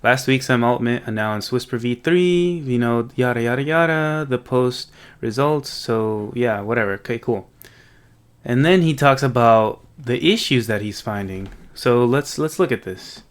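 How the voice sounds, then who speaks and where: A man's voice: medium pitch, expressive, a little slow, clean tone. A man hosting an informal coding video, thinking aloud and often checking in with the viewer as he explains. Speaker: host of a coding project video series. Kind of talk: casual unscripted tech walkthrough.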